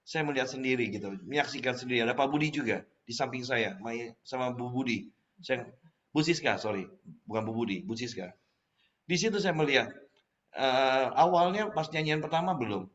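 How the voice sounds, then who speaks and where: A man's voice: medium pitch, moderate pace, a bit bright. A man telling his personal faith testimony in casual spoken style, acting out past lines as he tells the story. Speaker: testimony speaker. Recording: slightly muffled recording.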